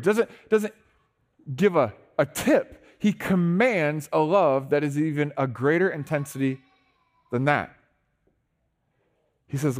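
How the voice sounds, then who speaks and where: Earnest man preaching a sermon. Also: on the high side. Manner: earnest, conversational, repeats and restarts words, urges "listen".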